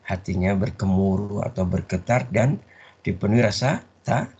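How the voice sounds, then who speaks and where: Male religious teacher, a gravelly, husky delivery, and call-and-response pauses. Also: fairly low pitch, darkish tone. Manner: call-and-response, leaves words half-said for the audience to finish. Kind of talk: Islamic study lecture. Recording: dull lo-fi recording.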